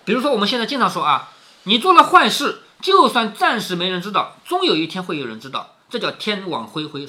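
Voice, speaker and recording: A man reads a classic novel aloud to his daughter, explaining each passage in chatty plain words and asking her questions along the way. His voice is high, pushed, and bright.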